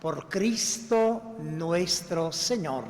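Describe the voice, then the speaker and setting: A male priest with a fairly high voice leads solemn liturgical prayer. He recites slowly and formally, and his words ring with long cathedral echo over some background noise. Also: expressive. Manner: slow, measured, formal recitation. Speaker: priest celebrating Mass. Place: large reverberant church.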